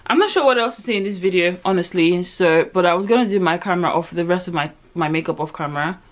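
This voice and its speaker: At home in front of her own camera, a vlogger in her late twenties chats while doing her makeup. She's reflective and rambling, leaning heavily on fillers like "um" and "like," and her pitch suddenly jumps up when she gets excited.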